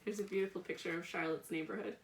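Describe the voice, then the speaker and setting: Talking fast in a lowish, steady voice, a woman reads a children's picture book aloud and stresses key words as she goes. A children's educator leading storytime, she poses questions directly to the kids in simple language and drops in chatty asides, with slight background noise audible.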